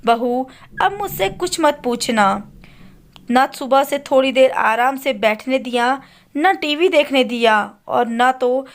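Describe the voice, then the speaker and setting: A woman's voice: high voice, lively intonation, slow pace, exaggerated voice. A woman doing a bossy scolding mother-in-law. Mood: exasperated. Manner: scolding, complaining. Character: bossy, irritable middle-aged mother-in-law. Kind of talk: storybook character voice.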